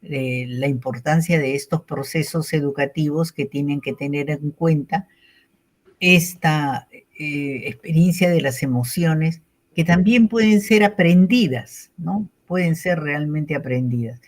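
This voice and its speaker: A woman with a Peruvian accent giving an online lecture in a warm, reflective way, often closing phrases with a questioning tag. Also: sits low, unhurried. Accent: Peruvian Spanish, from Callao. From Peru. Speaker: invited lecturer. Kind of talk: online conference talk.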